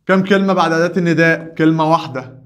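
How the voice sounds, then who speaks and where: A man with an Egyptian accent, an Arabic teacher who runs a grammar lesson by firing questions and answering them himself, his voice rising on the questions and dropping low on the answers. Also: rapid-fire.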